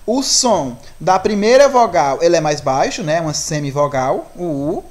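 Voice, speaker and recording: A woman's voice: low voice, sing-song, moderate pace, a little mellow. A woman with a Brazilian accent teaching a Portuguese grammar lesson, explaining step by step and often checking in with her students. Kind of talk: recorded online lesson.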